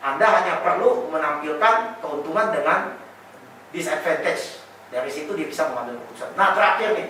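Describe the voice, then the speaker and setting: A man coaching in an interview as a sales trainer, animated, constantly addressing the listener as sir and slipping in English sales terms. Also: on the high side, a little fast. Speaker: real estate sales trainer. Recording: echoey room, distant mic, faint noise.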